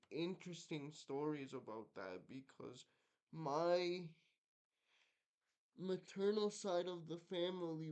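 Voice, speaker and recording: A man's voice: medium pitch, darkish tone. A young man from Guatemala talking casually and reflectively to his viewers, with many ums and likes. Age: young adult. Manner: reflective, lots of fillers like um and like. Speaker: vlogger. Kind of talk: casual personal monologue.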